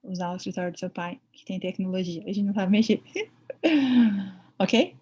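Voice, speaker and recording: A woman's voice: medium pitch, moderate pace, mellow, husky, dull audio. A woman with a Brazilian Portuguese accent giving a chatty online veterinary ultrasound lecture, often acting out her own thoughts.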